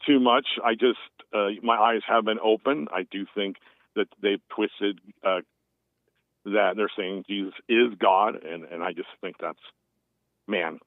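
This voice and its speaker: An American man in his late fifties calls in to a show and chats in an easygoing, rambling way, full of fillers. His fairly low voice is steady and measured, with no room sound, heard over a tinny phone line.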